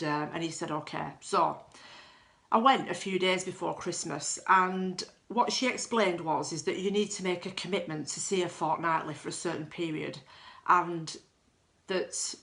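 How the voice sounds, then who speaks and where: This middle-aged woman's voice is low-pitched, creaky and a bit bright. Giving a testimonial as a client, she shares her personal story openly, makes fun of herself, and frequently restarts.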